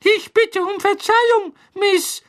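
A man voicing a timid, servile house elf in a squeaky, humble, apologetic voice for an audiobook. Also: fairly even intonation, slow, fairly bright tone, heavily acted.

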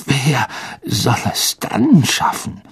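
Male reader doing a flustered nervous official, stammering, husky, gravelly, storybook. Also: mid-range voice, huge pitch swings, extremely slow, voice pushed up, heavily acted. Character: nervous fussing middle-aged official.

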